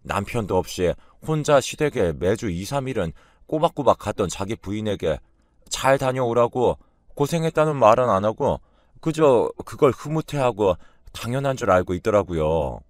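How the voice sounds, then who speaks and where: A man's voice: fairly low pitch, animated, moderate pace, no room sound, studio quality. A man narrating a first-person family story in a complaining, resentful tone.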